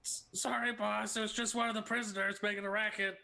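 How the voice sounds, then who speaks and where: A man's voice: high-pitched, level tone, fast talker, vocal fry, pushed and bright, pitched above the performer's own voice, heavily acted, poor audio. A man voicing a sly, apologetic hobgoblin underling in a tabletop game, with some noise behind him.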